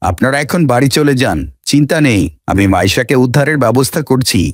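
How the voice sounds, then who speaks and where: A man's voice: mid-range voice, expressive, quick pace, no echo, studio quality, natural voice. A man voicing a stern, commanding police officer in a cartoon. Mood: reassuring.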